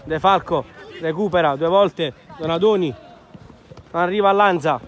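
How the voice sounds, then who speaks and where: A man's voice: a little high, moderate pace. A man giving live amateur football commentary outdoors, in short clipped phrases naming the players. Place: outdoor floodlit football pitch at night.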